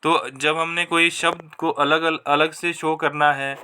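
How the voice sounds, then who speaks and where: A man giving a recorded lecture, reading rules slowly and then explaining them casually with pauses and fillers. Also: a little high, flat delivery, pushed and bright, a little hiss or hum. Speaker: teacher. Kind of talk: classroom lecture, mixing Hindi and English.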